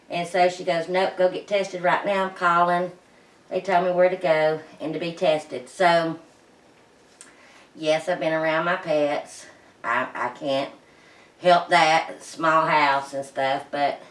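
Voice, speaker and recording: A middle-aged woman chats casually and haltingly for a vlog, folksy, her voice muffled through a face mask and short of breath. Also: lowish voice. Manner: folksy, plain-spoken, halting. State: out of breath, pausing. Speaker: vlog host. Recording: roomy echo, distant microphone.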